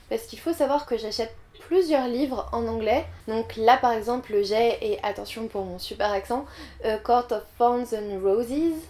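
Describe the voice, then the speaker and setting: A woman's voice: fairly high pitch, warm tone. A young woman vlogging about her reading goals, chatty and candid, with frequent fillers. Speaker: book vlogger. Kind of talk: casual vlog talk to camera.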